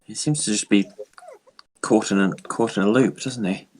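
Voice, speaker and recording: Low-voiced guy, tabletop player, kinda tentative, repeats himself while planning. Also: moderate pace, darkish tone, low-quality recording. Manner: tentative, repeats words as he plans. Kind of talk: tabletop role-play.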